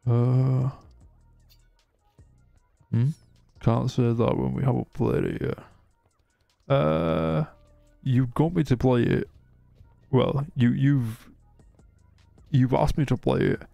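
A man chatting casually while streaming a game, rambling and hesitant, with a croaky, sleepy voice. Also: medium pitch, fairly even intonation, slow pace, pauses often, no room sound, highs cut off, faint music behind. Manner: rambling and hesitant, many restarts. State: sleepy, yawning. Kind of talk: casual live-stream chat.

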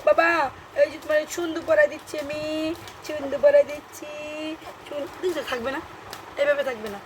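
A young woman vlogger chatting casually to viewers while she minds a baby, dropping into soft cooing baby talk. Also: high-pitched, brisk, a little hiss or hum, rough recording.

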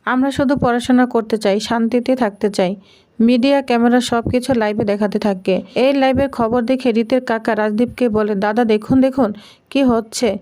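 A woman giving a scripted, steady recap of a TV serial episode, reading the characters' lines aloud in her own plain voice. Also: fairly high pitch, normal speed. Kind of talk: scripted narration.

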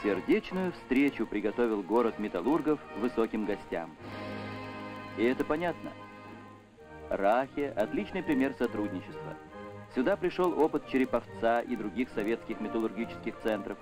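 A man's voice: mid-range voice, rough recording. A man giving solemn, official narration on an old 1970s newsreel soundtrack. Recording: old newsreel with music underneath.

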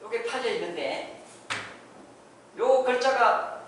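A man's voice: very high-pitched, lively intonation, slow pace, background noise. A man giving a lecture, explaining step by step and asking his own rhetorical questions, recorded from a distance in a lecture room. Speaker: lecturer on ancient Korean script. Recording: echoey hall, distant mic, faint ambience.

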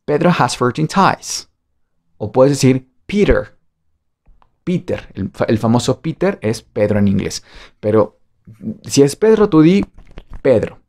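A man's voice: medium pitch, big pitch swings, unhurried, long pauses, darkish tone. A man with a Mexican Spanish accent teaching a beginner English lesson online, playful and jokey, drilling phrases by repetition.

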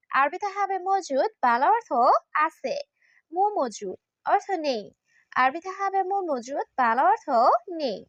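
A woman teaching vocabulary with a high, lively voice that rises and falls a lot. She speaks slowly and steadily in a measured, repetitive drill, and the recording sounds dull, dry and lo-fi. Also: no echo. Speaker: Arabic language teacher. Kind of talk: slow vocabulary drill lesson.

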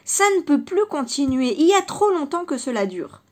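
A woman voicing a vengeful, grumbling male fox in a children's storybook, blustering and shouting. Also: high-pitched, big pitch swings, moderate pace, pitched above the performer's own voice.

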